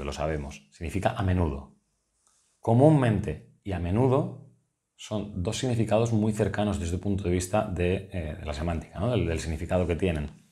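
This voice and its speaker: A man's voice: deep voice, mellow. A man with a Spanish accent, a tutor patiently explaining exam answers step by step and often checking in with his listeners. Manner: patient, methodical, asks "¿vale?" often.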